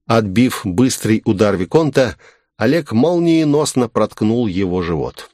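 A man narrating a fantasy novel in a steady, even storytelling manner. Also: fairly low pitch, a little slow, no room sound, studio quality. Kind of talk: audiobook narration.

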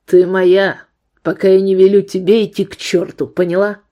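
A woman's voice: medium pitch, level tone, normal speed, mellow, natural voice. A woman voicing a menacing thug of a gunman. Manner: coarse, menacing, barking threats. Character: brutal threatening male ex-convict gunman.

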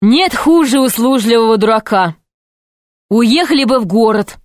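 A woman's voice: a little high, animated, normal speed, no echo, clean studio sound, lightly acted. A woman voicing an impatient, irritable grown man who grumbles curtly in an audiobook story. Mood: gruff. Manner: curt, grumbling.

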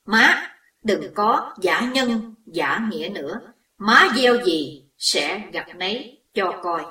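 A woman's voice: medium pitch, lively intonation, takes it slowly, bright, forceful tone. A woman voicing a distraught young woman who is grieving and furious, recorded in a roomy space away from the mic. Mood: anguished accusing. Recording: roomy echo, distant mic.

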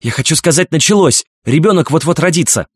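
A frantic mother in labor, her voice pushed well up in pitch and loud with panic, as a male narrator puts her on. She cries out and pleads, raised high above the reader's own low tone, on a dry, close recording. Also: expressive, a little fast, slightly rough, no echo. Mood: alarmed, pleading. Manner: cries out in pain and alarm. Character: frantic pregnant woman in labor.

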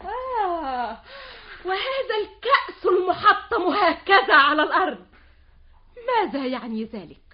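A woman's voice: very high-pitched, big pitch swings, a little slow, exaggerated voice. An actress playing a stern, suspicious older mother-in-law who accuses and commands in an old radio drama. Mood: indignant. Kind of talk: 1960s-era Arabic radio drama acting. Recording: dull lo-fi old radio recording.

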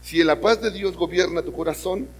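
A man's voice: sits high, moderate pace, husky. A man with a Mexican accent preaching a sermon to a congregation, asking them questions and acting out voices. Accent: Mexican Spanish. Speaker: pastor. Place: church service hall. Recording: long reverb of a hall.

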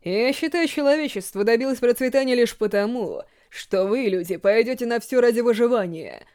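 A woman voicing a refined, sinister male ghoul gourmet in a storybook reading, slow and theatrical. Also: fairly high pitch, a little mellow, natural voice. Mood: menacing. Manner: slow, savoring, theatrical delivery.

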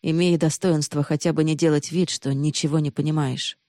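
A woman reading the lines of a young man who is harsh and reproachful, then hushed and urgent. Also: low voice, fairly even intonation, brisk, no echo, clean studio sound. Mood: accusing. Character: young man, accusing, then desperately protective.

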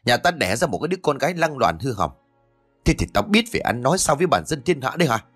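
A man voicing an enraged older father who berates his daughter with harsh shouting. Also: medium pitch, very animated, fast, husky, soft background music, voice pushed up. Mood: furious scolding. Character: angry stern old village father.

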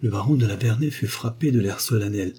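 Male audiobook narrator, measured literary reading; dark, husky tone. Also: fairly low pitch.

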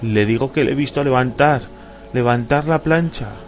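A man's voice: moderate pace, faint music behind, lightly acted. A man doing a frantic, panicked airline passenger. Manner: pleading, shouting, voice rising high. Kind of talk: audiobook character voicing.

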